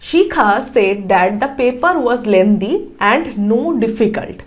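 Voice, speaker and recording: High-voiced woman teaching exam English. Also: lively intonation. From India. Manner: explains step by step, asks rhetorical questions to the viewer; reads English answer options slowly and deliberately. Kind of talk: online exam-prep lesson.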